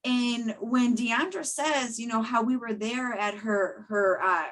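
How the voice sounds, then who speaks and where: A woman's voice: on the high side, slow, fairly bright tone, poor audio. A woman in her thirties co-hosting a podcast, talking earnestly and repeating phrases for emphasis in a casual chat. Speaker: podcast co-host.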